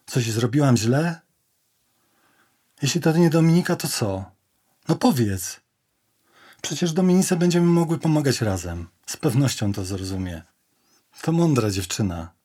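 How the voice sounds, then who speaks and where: A man voicing a pleading, possessive young woman in an audio drama, coaxing and insistent, sometimes sinking to a soft intimate hush. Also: mid-range voice, husky.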